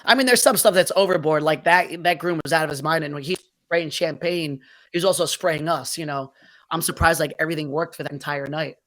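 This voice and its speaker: A man's voice: a little high, brisk, a bit bright. Rambling New man, playful. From New Jersey. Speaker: podcast guest. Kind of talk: casual chat.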